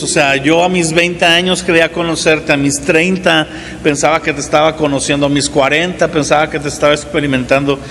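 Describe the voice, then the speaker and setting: A pastor in his forties with a fairly high, slightly bright voice delivers a sermon to his congregation in a church hall. His preaching is relaxed and conversational, full of "¿verdad?" asides that check in with the room. A long reverb tail trails his voice, with faint hiss beneath.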